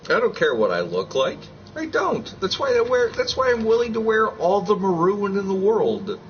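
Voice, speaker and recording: Profane, animated man chatting on stream. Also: sits high, normal speed, highs cut off, faint music behind. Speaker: livestream host. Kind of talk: casual chat.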